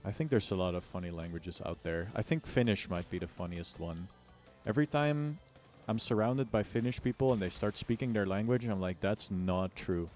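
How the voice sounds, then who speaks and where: A U.S. streamer casually chats while gaming in a slightly mellow, lowish voice at a moderate pace. He tosses out slang jokes and exaggerated mock complaints over background music.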